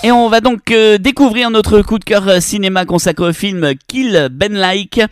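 A male TV host briskly reading a rundown of figures with frequent filler sounds, then leading a studio interview. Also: sits high, over music. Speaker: TV show host.

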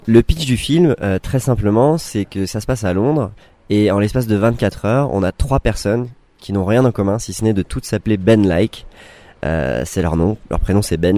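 A man, a film director guest, explaining his work in a relaxed way, with restarts and fillers. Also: fairly low pitch, no echo. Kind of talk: casual studio interview.

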